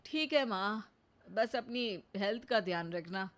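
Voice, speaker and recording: A woman voicing a caring young adult son in a cartoon, gentle and reasoning. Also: mid-range voice, expressive, unhurried.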